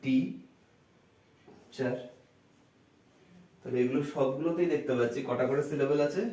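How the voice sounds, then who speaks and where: A man's voice: medium pitch, dark tone. Man teaching grammar in an echoey room. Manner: slow, drawn-out, breaks words into syllables; asks the class questions and answers them himself. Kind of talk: classroom lecture. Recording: roomy echo, voice from a distance.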